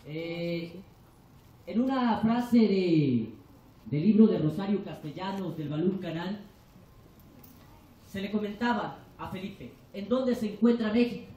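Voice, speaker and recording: A teacher and union delegate from Chiapas addresses a forum with a Mexican Spanish accent, declamatory and impassioned, assembling rhetorical lists. The mellow, mid-range voice is measured and pauses often, and the lo-fi sound was recorded from a distance in an echoing lecture hall.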